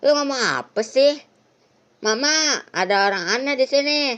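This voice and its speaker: A high, shouting young boy, voiced by a woman, full of suspicion and spite. He snaps and accuses in a raised voice. The recording sounds dull and lo-fi. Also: moderate pace. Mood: panicked. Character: angry, suspicious young boy who lost a leg.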